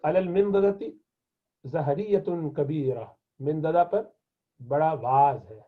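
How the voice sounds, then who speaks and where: A male Arabic teacher giving a classroom lesson, reading each Arabic phrase slowly and then translating and explaining it at length. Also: a little high. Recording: tinny phone-like lo-fi sound.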